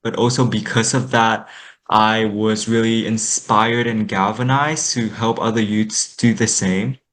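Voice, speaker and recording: A young man from Vietnam, a student guest in an interview, speaking in a thoughtful, measured way with some fillers. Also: fairly low pitch, steady tone, a bit bright, poor audio. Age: young adult. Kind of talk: casual interview talk.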